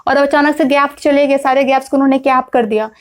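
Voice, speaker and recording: A woman's voice: high-pitched, fairly even intonation, quick pace. A young woman from India chatting to camera in a casual vlog, mixing English words into her talk with frequent fillers. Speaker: vlogger.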